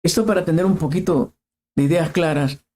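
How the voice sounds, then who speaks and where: A man's voice: fairly high pitch, a little fast, dark tone. A man preaching a sermon, asking questions and repeating phrases for emphasis.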